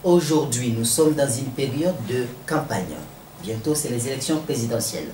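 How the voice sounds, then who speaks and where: A man asking interview questions in a formal, measured and wordy manner. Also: medium pitch, animated, warm tone. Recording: echoey room with faint background noise.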